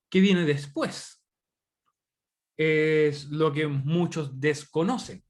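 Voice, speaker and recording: A man from Chile, teaching an online English class in Spanish, often checking in with students. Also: fairly high pitch. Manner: chatty, asks students questions often. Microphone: computer microphone on a video call.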